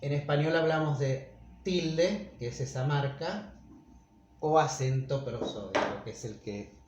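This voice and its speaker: A man's voice: fairly high pitch, measured pace, darkish tone. A man teaching a casual video lesson, thinking aloud with frequent fillers as he goes. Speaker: Spanish teacher. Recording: echoey room, dull sound, faint noise.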